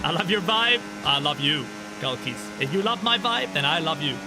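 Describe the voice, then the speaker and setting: A man's voice: fairly high pitch, lively intonation, normal speed. A twenty-five-year-old man streaming a racing game live, chatting with viewers and calling the race in a joking, self-teasing way. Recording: game engine noise behind voice. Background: racing car engine sounds.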